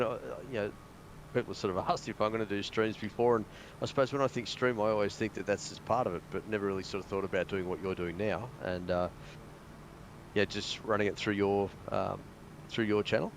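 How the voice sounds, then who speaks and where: Casual Australian gamer guy, low voice, rambling, on a voice-chat mic. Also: fairly quick, slight background noise. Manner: rambling, hesitant, many fillers. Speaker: guest pilot. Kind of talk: casual chat over voice call.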